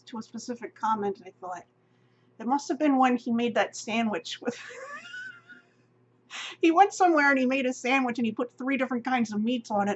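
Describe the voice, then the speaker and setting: A middle-aged woman vlogging in a rambling, self-deprecating casual chat, often laughing. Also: on the high side. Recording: dull lo-fi audio with faint hum.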